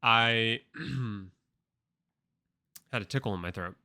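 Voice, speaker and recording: A man's voice: mid-range voice, slow, pushed and bright. A tired man co-hosting a podcast in casual, joking chat, often trailing off and restarting. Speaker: podcast co-host.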